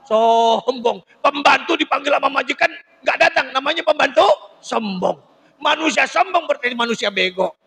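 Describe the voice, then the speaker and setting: Very high-pitched joking male preacher. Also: expressive, normal speed, vocal fry, bright, forceful tone, rough recording. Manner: joking, teasing the congregation, laughing often. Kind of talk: humorous sermon. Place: mosque.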